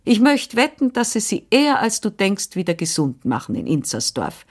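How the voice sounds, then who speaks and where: A woman's voice: mid-range voice, big pitch swings, normal speed, pitched above the performer's own voice. A woman reading an audiobook and voicing a fussy, kindly old seamstress who chatters, scolds and soothes. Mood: coaxing.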